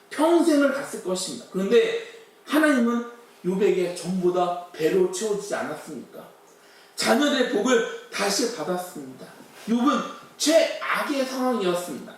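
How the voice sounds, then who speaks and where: High-voiced preacher in an echoey hall. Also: male voice, sing-song, normal speed, far from the mic. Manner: rhetorical questions, acts out quoted complaints. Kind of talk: sermon.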